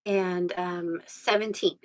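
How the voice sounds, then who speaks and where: A woman's voice: on the low side, steady tone, takes it slowly. A woman playing in a tabletop game, hesitant and polite as she rolls. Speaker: player. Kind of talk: casual game play.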